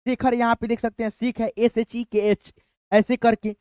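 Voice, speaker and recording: A man's voice: extremely high pitch, flat delivery, normal speed, darkish tone, clear, resonant tone, no echo. A man teaching a step-by-step lesson, repeating "friends" often as he talks the class through each point. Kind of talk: explanatory lesson.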